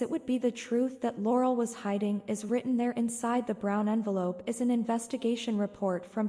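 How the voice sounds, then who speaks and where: A woman narrating a first-person story with a flat, even reading manner. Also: on the high side. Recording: long reverb.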